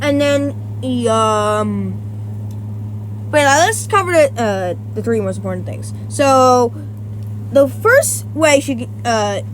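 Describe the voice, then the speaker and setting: Expressive and slow, a YouTuber with a high voice walks through a versus-battle breakdown in a casual way. The audio is poor, with a faint hum behind her, and she rambles, corrects herself, restarts often and swears now and then.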